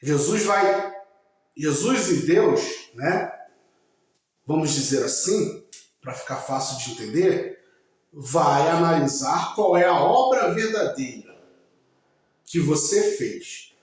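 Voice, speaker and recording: A man giving a slow, emphatic religious talk, speaking directly to his listeners. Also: fairly high pitch, expressive. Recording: very echoey room.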